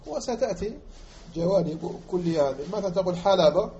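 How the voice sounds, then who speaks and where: A man from Algeria teaching Arabic morphology as a lecture, repeating example words slowly and quizzing his listeners. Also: high-pitched, animated, dark tone, a little hiss or hum. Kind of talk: classroom lecture explaining grammar. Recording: muffled lo-fi recording.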